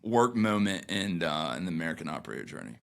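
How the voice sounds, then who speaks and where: A young man with a low, gravelly voice talks casually in a podcast interview. He rambles, filling pauses and restarting his sentences as he goes. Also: big pitch swings, a bit bright. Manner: loose and rambling, with many fillers and restarts. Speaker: founder, guest.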